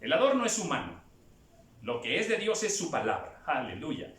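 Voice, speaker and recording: A man preaching a sermon, moving between hushed and loud passages and acting out other voices. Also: on the high side, wildly swooping pitch, moderate pace, echoey room. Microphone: camera at a distance.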